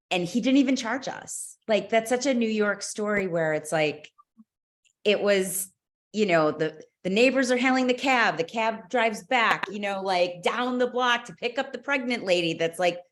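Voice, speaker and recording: A woman's voice: mid-range voice, fairly bright tone. A woman guest, a mother, chatting casually and effusively, exclaiming and restarting her sentences. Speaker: guest, former client and mother. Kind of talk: casual podcast chat.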